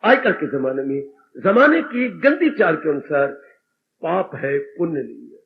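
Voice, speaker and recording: A man, a spiritual teacher giving a devotional discourse in animated storytelling with frequent laughter. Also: a little high, unhurried, vocal fry. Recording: dull old tape recording with faint hiss.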